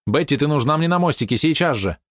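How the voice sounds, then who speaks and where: A man's voice: on the high side, lively intonation, fast, no room sound, pitched above the performer's own voice, natural voice. A tense young woman captain, as a man puts her on in a storybook reading. She barks curt orders in a raised voice. The sound is dry and close. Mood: commanding.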